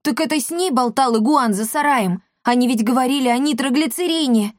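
A woman's voice: high voice, a little fast, dry recording, clean studio sound, voice pushed up, lightly acted. A woman voicing an earnest, serious boy explaining things.

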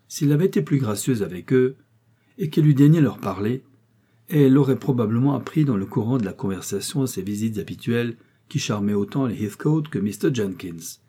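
A male narrator reads a classic novel aloud in a measured, expressive audiobook style. His voice is mellow and warm, with a husky grain. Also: medium pitch. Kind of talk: scripted narration.

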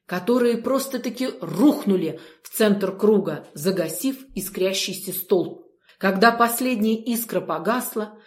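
A woman reading a first-person fantasy story aloud with measured, dramatic narration. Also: medium pitch.

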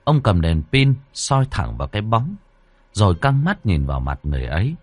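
A man narrating a ghost story in a dramatic, expressive way. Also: low-pitched, normal speed, no echo. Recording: dry close voice over faint music.

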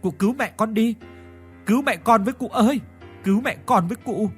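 A desperate young boy wails and begs through his tears, his voice pitched high and breaking, as a male narrator acts him out. Soft music sits behind him. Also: fairly quick, husky. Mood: pleading. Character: grief-stricken young boy, sobbing and pleading. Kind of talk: storytelling with acted voices.

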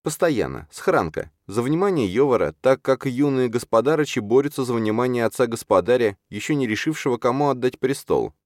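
An anxious young sorceress pleads and presses her point in a high, strained voice, as a male reader puts her on. The sound is close and dry, with her pitch leaping about as she insists. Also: expressive, a little fast, hardly any pauses, darkish tone, dry recording, close to an everyday voice. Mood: urgent. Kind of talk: audiobook character voice.

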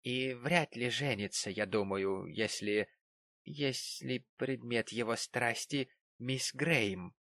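Man playing a shy, soft-spoken young man. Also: medium pitch, slow, vocal fry. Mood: bashful. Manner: soft, hesitant. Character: shy, modest, good-natured young man.

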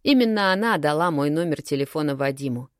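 A woman narrating a first-person story for an audiobook, telling it in a lively, expressive way. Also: low voice, quick pace, no room sound, studio quality.

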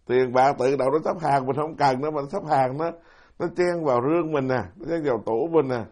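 A man's voice: medium pitch, a little fast, darkish tone. A middle-aged man, a Buddhist monk giving a folksy, self-deprecating dharma talk who keeps putting questions to his audience. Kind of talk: sermon.

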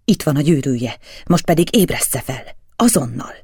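A man's voice: fairly high pitch, expressive, a little mellow, no room sound, clean studio sound. A man reading as a stern commanding hypnotist. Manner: curt, commanding, rough. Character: stern commanding male hypnotist, harsh husband. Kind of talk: audiobook reading.

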